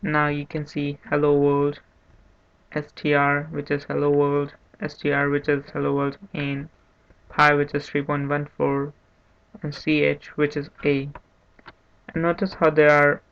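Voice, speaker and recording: A man hosting a screen-recorded programming tutorial, talking in a monotone, unhurried way and thinking aloud with restarts. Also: a little high, vocal fry, clean tone. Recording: dull lo-fi mic with faint hiss. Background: keyboard typing and clicks.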